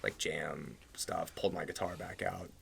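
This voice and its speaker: A man's voice: sits low, fairly even intonation, moderate pace, creaky, fairly bright tone, slight background noise. A young man from Georgia in the US, a band member chatting casually in a radio interview and rambling with lots of filler words. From Georgia, USA. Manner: rambling, heavy use of "like". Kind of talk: casual chat.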